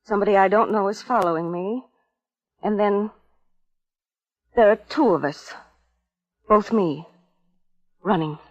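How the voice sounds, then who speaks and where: In a 1950s radio suspense drama, a woman plays a troubled young wife haunted by nightmares, acting and narrating in the first person with an anxious, earnest, hesitant manner. Her mid-range, natural voice keeps a measured pace with frequent pauses, and the highs are cut off.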